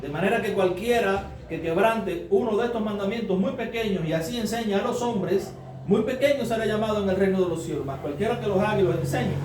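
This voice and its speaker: A man preaching a sermon as a Bible study, explaining step by step and asking the congregation rhetorical questions. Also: sits high. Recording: roomy, distant mic, faint noise.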